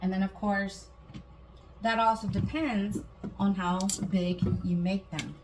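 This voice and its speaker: A woman from Guam hosts a casual cooking demonstration at home, chatting through each step with small asides. Her voice is mid-range and steady, and she speaks slowly. Background noise and room ambience come through clearly.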